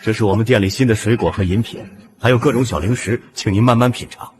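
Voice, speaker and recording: A man's voice: lowish voice, quick pace, noisy background, lightly acted. An actor playing a club staffer who is polite to guests and stern when he warns the other staff. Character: brisk male club staffer giving orders. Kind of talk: short drama acting.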